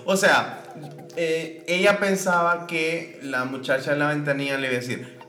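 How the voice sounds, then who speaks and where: A man's voice: a little high, flat delivery, moderate pace, pushed and bright. A man, co-hosting a podcast, chiming in with jokes and reactions. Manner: interjecting, joking reactions. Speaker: podcast co-host. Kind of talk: casual chat. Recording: echoey room with faint music.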